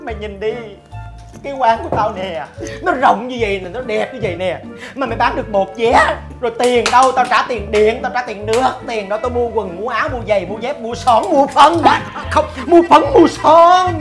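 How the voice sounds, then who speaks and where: A woman plays a bossy, nagging tea-house boss lady, firing off threats and complaints. Her voice sits high, and music plays clearly behind her in the film. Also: brisk, natural voice. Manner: scolding, shouting threats. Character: bossy middle-aged woman tea-house owner, scolding.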